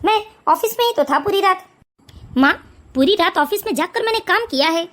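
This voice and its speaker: Cartoon son, sheepish and stammering, very high voice, as a woman plays him. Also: expressive, brisk, fairly bright tone. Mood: defensive. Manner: stammering, defensive. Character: young husband and son, sheepish.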